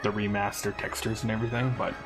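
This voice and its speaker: A man with a low, gravelly voice talks through a game he is playing. He reacts aloud as he goes and reads the on-screen dialogue in a loose, casual way, with game music playing behind him. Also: flat delivery, fast talker. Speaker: let's play gamer. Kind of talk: casual gameplay commentary.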